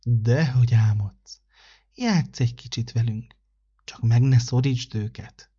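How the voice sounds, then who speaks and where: Kindly old winter grandfather in a storybook, gruff grumble, husky, voiced by a man; dull lo-fi sound. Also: mid-range voice, lively intonation. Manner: grumbling, gruff but gentle.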